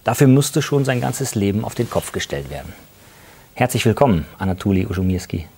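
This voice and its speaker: Moderator mit heiserer, lebhafter Stimme. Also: male voice, fairly low pitch, a little fast, gravelly, slightly rough. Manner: calm, concise questions. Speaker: interviewer host. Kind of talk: television interview.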